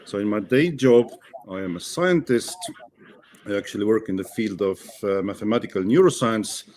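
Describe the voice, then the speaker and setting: A man's voice: on the low side, animated, normal speed, a little mellow, a little hiss or hum. A man from Estonia introduces himself on an online panel over a video call. He speaks hesitantly, with many fillers and an uneven pace. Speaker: panelist, scientist.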